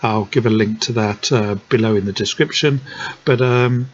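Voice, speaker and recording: A man talking through a software tutorial in a hesitant, friendly way, with many ums and restarts. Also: on the low side, moderate pace. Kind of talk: unscripted screen-recording tutorial. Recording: dull lo-fi sound with faint noise.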